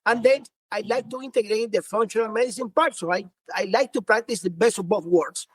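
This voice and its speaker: As a podcast guest, a physician from Cuba in his fifties speaks briskly in a high-pitched voice with no room sound. A native Spanish speaker with a Cuban Spanish accent, he answers earnestly and restarts many times.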